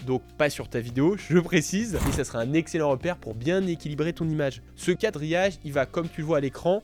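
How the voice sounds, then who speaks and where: Casual male tutorial host, fairly high voice, chatty and direct with the viewer, faint music underneath. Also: a little mellow. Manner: friendly, addresses viewer informally.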